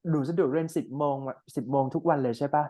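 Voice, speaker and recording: A man's voice: fairly high pitch, fairly even intonation, warm tone. Thai man tutoring English. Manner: explains patiently, models English reading slowly. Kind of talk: one-on-one online IELTS lesson.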